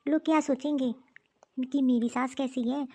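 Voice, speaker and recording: A woman's voice: high-pitched, fairly even intonation, normal speed, dark tone. A woman voicing a middle-aged mother-in-law in a cartoon story who frets about family honor. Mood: worried.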